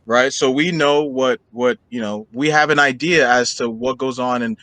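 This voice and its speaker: A man's voice: mid-range voice, fairly even intonation, moderate pace, bright, forceful tone, dry recording. A man in his thirties co-hosting a podcast, talking bluntly and emphatically and often checking for agreement. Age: 30s. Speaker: podcast co-host. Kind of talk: casual opinion chat.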